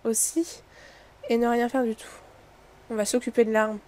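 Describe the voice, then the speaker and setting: A young woman hosting a let's play, reading a visual novel aloud and chatting expressively into a desk mic. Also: on the high side. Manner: expressive, chatty, quick exclamations.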